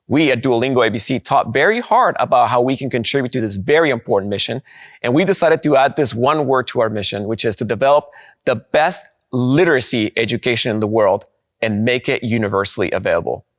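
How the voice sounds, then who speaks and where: A man delivers a conference keynote in a mid-range voice. He is upbeat and slows down to land his key points. The sound is dry and close, with no room echo. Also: medium pitch, lively intonation. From Guatemala. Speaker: presenter of a product.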